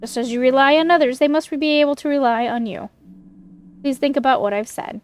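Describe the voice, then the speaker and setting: A woman's voice: sits high, clean tone, close to an everyday voice. Woman playing a stern, formal hospital superior. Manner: formal, measured, reproving. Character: stern, dutiful hospital superior lecturing a junior.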